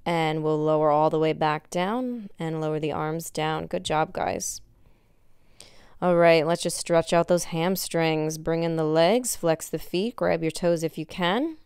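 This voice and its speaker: A young woman leads a workout in the manner of an aerobics instructor. Her voice is slightly low and very clean, with little room echo. She gives encouraging cues while doing the exercises herself. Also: unhurried, a little mellow, clean tone, studio quality. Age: young adult. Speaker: fitness instructor. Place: indoor wood-floored exercise studio.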